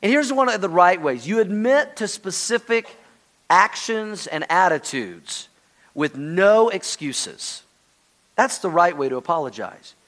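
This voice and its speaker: Emphatic preaching man, pitch on the higher side. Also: sing-song, measured pace, fairly bright tone. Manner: preachy and emphatic, repeating key lines, calling out to the congregation. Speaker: pastor. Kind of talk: sermon.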